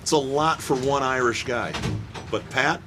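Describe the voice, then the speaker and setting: A man's voice: mid-range voice, measured pace, background noise. A man calling an amateur hockey game from the booth, roasting players with playful jokes. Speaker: play-by-play announcer. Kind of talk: joking amateur hockey commentary. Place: rink booth.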